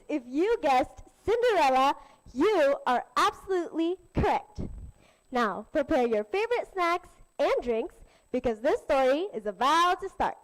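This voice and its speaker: A woman's voice: high-pitched, low-quality recording. A woman telling a fairy tale to children as a storyteller, in a sing-song manner. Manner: slow, lively, sing-song.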